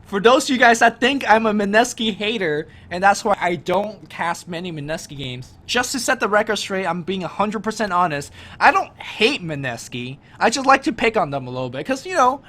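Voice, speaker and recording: A man giving casual, joking commentary over a replay of a video game match, chatty and quick to laugh. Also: high voice, lively intonation, bright, forceful tone. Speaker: esports commentator.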